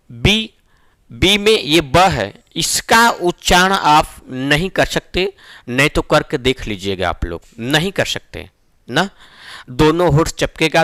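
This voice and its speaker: A man teaches a Hindi grammar lesson for exam preparation, explaining step by step and often asking "ठीक है ना?" to check that students follow. His voice is a little high and fairly bright, with no room sound.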